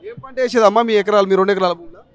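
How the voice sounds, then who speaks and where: A man, a field reporter, briskly questioning protesters outdoors. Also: high voice. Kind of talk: street interview questions.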